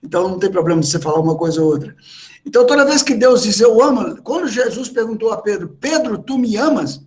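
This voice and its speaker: A man's voice: high-pitched, expressive, quick pace. A Brazilian man with a Brazilian Portuguese accent, preaching a teaching sermon and explaining words one by one.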